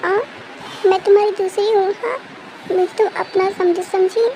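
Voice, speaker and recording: A woman voicing a caring mother figure who coaxes gently and then lays down the law. Her tone stays very high and soft, with a quiet hiss of noise behind it in a fan-made dub story. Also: steady tone, normal speed, low-quality recording. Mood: soothing. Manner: soothing, coaxing, firm. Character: caring motherly aunty, warm and firm.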